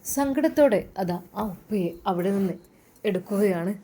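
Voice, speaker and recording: A woman's voice: mid-range voice, expressive, moderate pace, husky. A woman with a Malabar Malayalam accent narrating a family story in a dramatic, casual storytelling manner. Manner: dramatic, warm storytelling with religious greetings.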